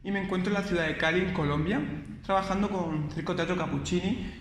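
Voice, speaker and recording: A man's voice: high-pitched, racing, noisy background. A man from Spain with a Spanish accent, a volunteer photographer giving a fluent personal account. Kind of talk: personal testimony. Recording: echoey room.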